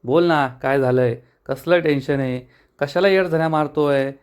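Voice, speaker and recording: A man reading the lines of a brash young garage mechanic, rough and teasing, in his own voice. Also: a little high, moderate pace, lightly acted.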